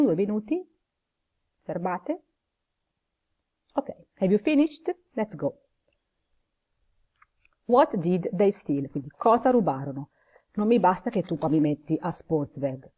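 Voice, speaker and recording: A woman with an Italian accent teaching English in a video lesson, saying English phrases slowly and carefully and explaining them. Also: on the low side, warm tone, breathy edge.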